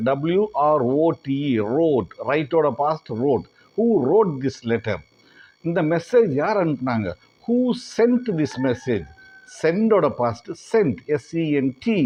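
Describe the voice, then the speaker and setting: A man leads a language lesson, his fairly high voice rising and falling in a lively way. He speaks slowly and deliberately, repeating every sentence and spelling words out letter by letter. The audio sounds a little dull and lo-fi. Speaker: English teacher.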